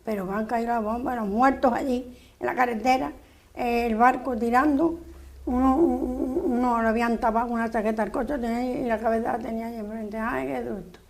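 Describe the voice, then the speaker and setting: An elderly woman giving documentary testimony, recalling in halting, fragmented phrases. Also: fairly high pitch, steady tone. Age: 80s or older.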